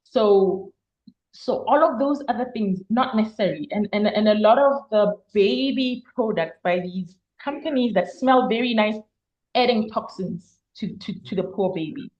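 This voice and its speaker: A woman's voice: mid-range voice, normal speed, darkish tone. Woman, health advice, chatty explainer, repeats herself for emphasis, roomy dull sound. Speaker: health guest expert. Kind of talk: casual health Q&A.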